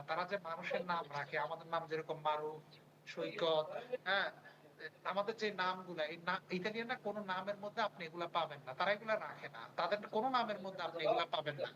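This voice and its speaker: A language teacher who says each sound slowly, repeats it, and asks the students to say it back. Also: mid-range voice, muffled recording, a crowd in the background. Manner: repeats words and prompts students to say them back. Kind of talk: online language lesson.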